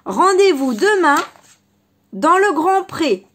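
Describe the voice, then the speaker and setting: A woman voicing a vengeful, grumbling male fox in a children's storybook, blustering and shouting. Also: high voice, lively intonation, moderate pace.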